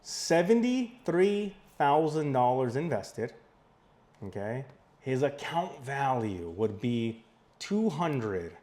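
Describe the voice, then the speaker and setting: A man hosting as a financial advisor, speaking emphatically and informally, pressing points and repeating figures to be clear. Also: mid-range voice, a little mellow. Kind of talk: probing questioning on a call and explainer to viewers.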